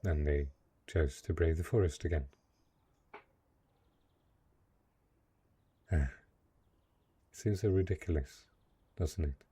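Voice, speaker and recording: The man playing this lonely, possessive dark knight starts out earnest and vulnerable, then turns pleading and anxious. In the fantasy romance audio roleplay, his low, husky voice is exaggerated, and he speaks in hesitant, heartfelt, formal phrases.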